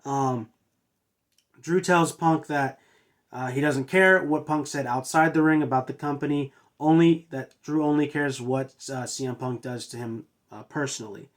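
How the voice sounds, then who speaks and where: The wrestling review host speaks at normal speed with a medium pitch and fairly flat intonation. He recaps in a relaxed but halting way, often saying uh and restarting sentences.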